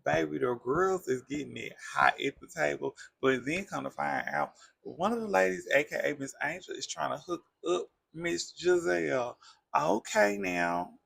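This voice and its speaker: A man's voice: on the high side, normal speed, creaky, husky, no room sound. A man casually recapping a reality TV episode, chatty and gossipy, acting out the cast's lines as he retells them. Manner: chatty, animated retelling with quoted voices.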